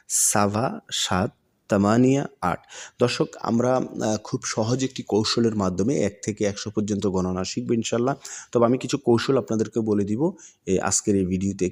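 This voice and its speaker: A man's voice: on the low side, mellow. A man giving a video language lesson who keeps asking questions and answering them himself, repeating each step and slipping English words into his speech. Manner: repetitive, questions and answers his own prompts. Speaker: language teacher.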